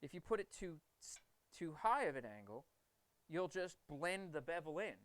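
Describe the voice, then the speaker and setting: A streamer and knifemaker livestreams from his basement forge, explaining knife grinding in a casual, enthusiastic, rambling way as he works. His voice is on the high side, very animated and a bit bright, at a moderate pace. There is no echo.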